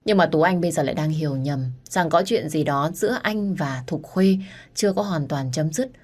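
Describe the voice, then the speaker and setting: A woman's voice: low-pitched, normal speed, darkish tone. A woman narrating an audio story and talking earnestly to her listeners as host. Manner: intimate, earnest, addresses listeners directly.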